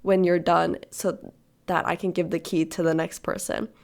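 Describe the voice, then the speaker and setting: A man's voice: high-pitched, little pitch movement, creaky, voice pushed down. A young woman voicing a young male store clerk who is flustered and apologetic as he talks to a customer. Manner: apologetic, hurried.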